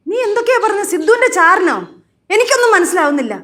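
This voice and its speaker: An actress playing a mother who pleads for calm in a family sitcom. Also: very high voice, quick pace, heavily acted. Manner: pleading, peacemaking. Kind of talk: TV sitcom acting.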